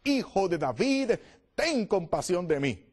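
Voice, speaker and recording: A man's voice: high voice, big pitch swings, a little slow, heavily acted. A man preaching who acts out a desperate blind beggar's pleading cries.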